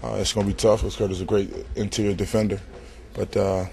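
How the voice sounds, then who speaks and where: Young male player, fast and gravelly, stock sound-bite answers into reporters' mics. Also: on the low side, little pitch movement, darkish tone. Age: young adult. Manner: stock answers, repeats words. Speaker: basketball player. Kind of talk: post-practice media interview. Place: indoor practice gym. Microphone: cluster of handheld reporter mics.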